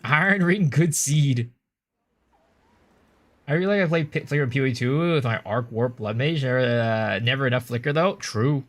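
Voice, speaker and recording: Speaking at normal speed in a mid-range voice, a young American livestreamer offers loose, casual commentary over gameplay. He bursts out with excitement when thanking viewers.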